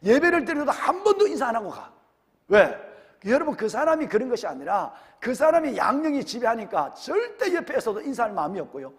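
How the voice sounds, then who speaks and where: Gyeongsang-accent pastor guy preaching, high voice, big echo in the sanctuary. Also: fairly quick. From Gyeongsang region, Korea. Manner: animated, rhetorical questions to the congregation. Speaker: senior pastor. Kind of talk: sermon. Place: church sanctuary.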